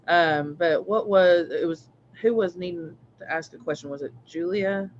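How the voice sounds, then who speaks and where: A man's voice: high-pitched, moderate pace, slight background noise. A man hosting a live spiritual reading stream, rambling casually with many fillers and restarts. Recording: dull lo-fi stream audio.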